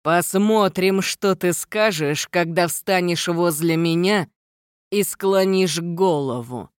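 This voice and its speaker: A reader voicing a grandiose male shadow spirit lord who declaims slowly and pompously in an audiobook. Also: high-pitched, clear, resonant tone, no echo, studio quality. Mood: menacing.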